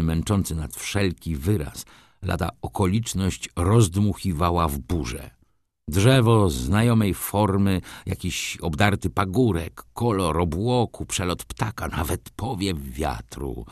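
Deep-voiced man reading a novel aloud. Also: no echo, studio quality. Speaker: narrator. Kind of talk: audiobook reading of a classic novel.

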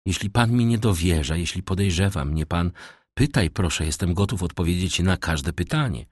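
A man's voice: sits low, expressive, normal speed, breathy edge, dry recording, studio quality. A man voicing an earnest, pleading young sailor held for questioning in an audiobook. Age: young adult.

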